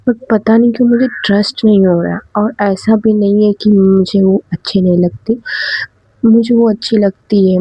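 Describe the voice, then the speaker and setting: A woman's voice: medium pitch, mellow, husky, no room sound. A woman voicing a tearful, confused teenage schoolgirl who talks in a pleading, rambling way. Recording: dull, slightly muffled recording.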